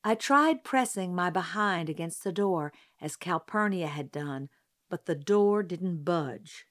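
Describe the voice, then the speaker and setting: A woman reads a novel aloud in a calm, measured storytelling voice. She takes her time over every sentence. Her voice sits on the lower side, and she never pushes it. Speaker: audiobook narrator. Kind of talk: scripted narration.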